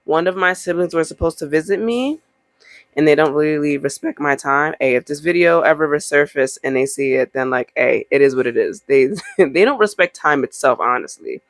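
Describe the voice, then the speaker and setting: A woman's voice: sits low, expressive, normal speed, no room sound. A woman giving a casual, encouraging tarot reading straight to the viewer, talking in a chatty way with emphatic asides. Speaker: tarot reader.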